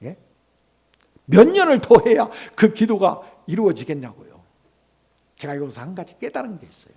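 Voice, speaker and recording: A male missionary preaches in a church, telling a story with a high, husky voice. His pitch leaps around with great animation. He swings between loud exclamations and soft, hushed asides. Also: very animated, moderate pace. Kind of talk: sermon with personal storytelling. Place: church sanctuary.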